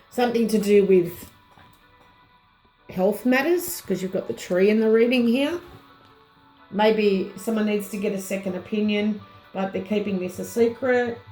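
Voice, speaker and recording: A woman giving a casual tarot reading, slightly hoarse and unhurried, pausing often with ums as she muses over the cards. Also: mid-range voice, mellow, reverberant, low-quality recording. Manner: unhurried, musing, many ums and pauses. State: slightly hoarse, losing her voice. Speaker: tarot reader.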